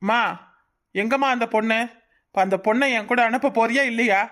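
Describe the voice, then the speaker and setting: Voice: medium pitch, brisk, fairly bright tone, lightly acted. A voice actor playing a rich, threatening old man in a cartoon, blustering and menacing, with a Kanyakumari Tamil accent. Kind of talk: cartoon voice acting.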